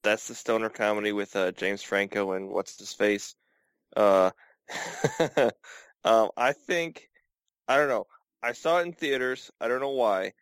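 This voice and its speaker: A man's voice: on the low side, measured pace, fairly bright tone, clear, resonant tone, dry recording. A man playing along in a casual movie quiz, hesitant and full of uhs. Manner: hesitant, lots of uh and restarts. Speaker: quiz contestant. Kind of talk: casual podcast game chat.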